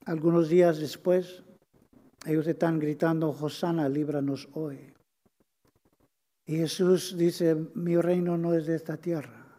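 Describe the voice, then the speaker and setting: A pastor preaches in a high, mellow voice, moving from hushed low passages to loud proclamations and repeating his key phrases. He speaks slowly and sometimes stumbles over a word. A long reverb from the church hall trails every line. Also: fairly even intonation. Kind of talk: sermon.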